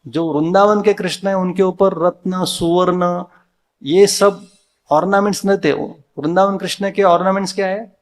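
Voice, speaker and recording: A man with an Indian accent delivers a devotional Sunday sermon in a temple hall, speaking Hindi mixed with English words. His voice sits high, with fairly even intonation and a moderate pace. He asks his listeners questions and answers them himself.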